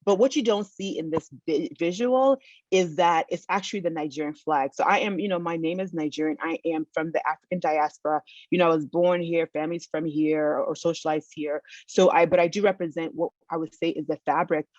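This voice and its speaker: A woman's voice: deep voice, fairly even intonation, brisk, a little mellow, no echo. A woman from the United States giving a conference keynote over a video call from home, earnest, with many fillers and restarts. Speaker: keynote speaker. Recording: dull, dry, lo-fi video call audio.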